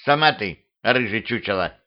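A man's voice: on the low side, animated, moderate pace, lightly acted. A man voicing a small, sly male house spirit who talks in a mewing, pleading way, read for a homemade audiobook. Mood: offended. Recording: slightly dull homemade audiobook recording.

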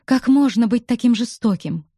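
A woman's voice: on the high side, lively intonation, moderate pace, dark tone, no room sound, pitched above the performer's own voice. Audiobook heroine read by a woman: loyal, upset young woman pleading, dry booth sound. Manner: pleading, emotional.

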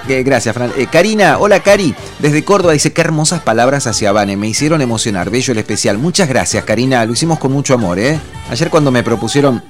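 A middle-aged Argentine man hosting a radio show, effusive and chatty, stumbling over fillers and restarts as he reads listeners' messages. His voice sits at an ordinary middle pitch. Soft music plays faintly beneath him. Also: lively intonation, fast talker, hardly any pauses. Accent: Argentine Spanish. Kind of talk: casual radio talk.

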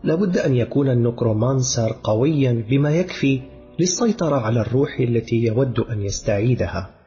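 A man narrating an audiobook in a measured, dramatic way. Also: mid-range voice, expressive, warm tone. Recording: dull lo-fi audio with background music.

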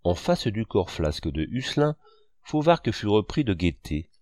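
A man narrating a French novel in a measured literary reading. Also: on the low side, very animated, a little mellow, no room sound, clean studio sound.

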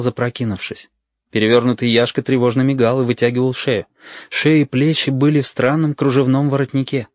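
A man narrating a children's story in a measured, expressive way. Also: medium pitch, dry recording. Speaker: audiobook narrator. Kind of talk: scripted narration. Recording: dull, dry lo-fi audio.

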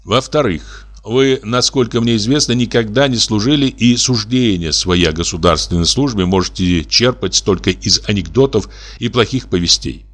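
Cold, ironic bureaucrat who lectures in a measured tone, as a male reader plays him. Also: on the low side, fairly bright tone. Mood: lecturing. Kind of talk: audiobook reading.

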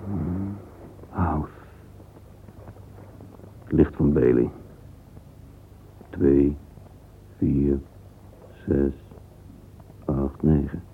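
Thinking aloud in a halting, very low, creaky murmur, a pensive middle-aged man voices a radio drama interior monologue in full character. His mood is musing; he is sensual, curious, and alone with his thoughts. Faint hiss accompanies the muffled, phone-like quality of the old recording.

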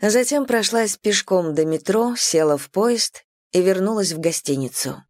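A woman reading a first-person novel aloud in an even, measured way, close to the mic. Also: mid-range voice, no echo. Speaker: audiobook narrator. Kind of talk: first-person audiobook narration.

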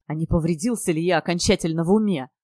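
A woman voicing a shy, troubled young male student who speaks softly and hesitantly. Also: on the low side, quick pace, dry recording, close to an everyday voice. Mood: inward. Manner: hesitant, inward, soft-spoken.

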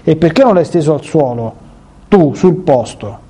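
A harsh, impatient army commander, read by a man who scolds curtly. The voice is slightly high with a warm, dark tone. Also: expressive, normal speed, breathy edge. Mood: scolding.

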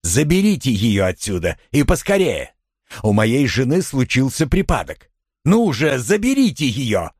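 A furious, commanding husband barks orders and insults, as a man reads him aloud. The voice leaps high and low with anger, recorded dry and close. It sounds like a storybook scene at its loudest. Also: very animated, measured pace, husky, no room sound. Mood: angry. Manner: shouting harsh orders and insults.

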